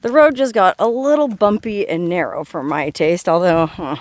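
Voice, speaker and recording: A woman's voice: lowish voice, normal speed, dry recording. A woman travel vlogger talking outdoors in a desert canyon, in a casual, playful and jokey way. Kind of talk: casual vlog narration.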